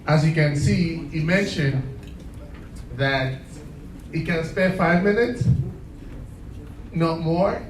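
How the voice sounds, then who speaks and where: A man hosting a live event, lively and encouraging, calling for applause. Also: fairly high pitch, slow, pauses often, slight background noise. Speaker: event host. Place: event hall. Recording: roomy sound from a distant mic.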